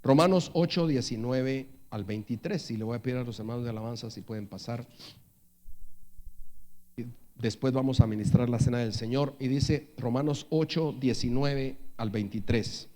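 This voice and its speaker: A man preaching a sermon in church, speaking conversationally, asking the congregation questions and reading scripture slowly and forcefully. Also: medium pitch. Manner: reads scripture slowly and loudly. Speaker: pastor. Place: church hall. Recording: long hall reverb. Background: faint guitar music.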